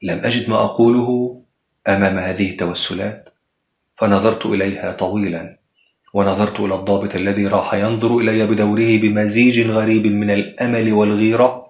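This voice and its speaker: A man's voice: on the low side, flat delivery, fairly quick, muffled recording. Man narrating a horror story, echoey. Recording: roomy echo.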